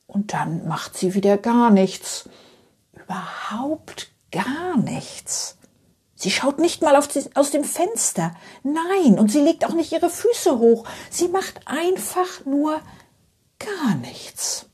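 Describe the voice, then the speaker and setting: A woman telling a bedtime story in a soft, half-whispered voice, with lulling repeated phrases. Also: high-pitched, expressive, measured pace, hardly any pauses.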